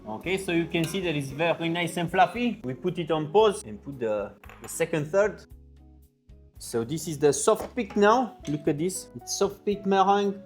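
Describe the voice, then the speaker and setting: A man playing an excitable French chef with a French accent, giving a casual, exclamatory step-by-step cooking tutorial. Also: on the high side, moderate pace, soft background music, lightly acted. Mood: instructive, encouraging. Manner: exclamatory, sprinkles in French interjections and kitchen sound words. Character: excitable French chef, a man, teaching soufflé with fussy delight. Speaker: cooking show presenter.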